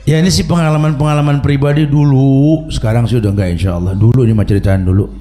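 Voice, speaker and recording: A man's voice: medium pitch, steady tone, fast, warm tone. A middle-aged man preaching a humorous sermon, telling stories and chanting Arabic recitations.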